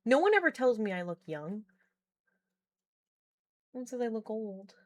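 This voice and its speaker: This woman's voice is fairly high and swings widely in pitch, moving at a normal speed. In her thirties, she's at home indoors tinkering with a keyboard on a live stream, chatting casually, laughing frequently and reading the chat aloud.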